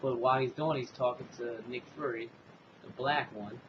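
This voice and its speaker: Male host for a casual comic review, rambling and filler-heavy, mid-range voice, dull lo-fi sound with steady background noise. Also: medium pitch, normal speed. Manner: rambling retelling with many fillers and "basically".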